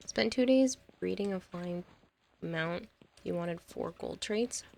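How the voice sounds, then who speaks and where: A woman's voice: lowish voice, slow, creaky, a little mellow. A woman streaming a game, chatting casually with her viewers and reading out their comments, rambling along and laughing easily.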